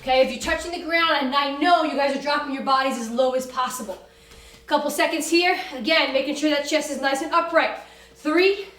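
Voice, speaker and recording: Female workout coach, high voice, brisk commanding instruction, recorded in a roomy space away from the mic. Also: fairly bright tone. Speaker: fitness class instructor. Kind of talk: energetic workout instruction with cues and countdowns. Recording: roomy echo, distant from the mic.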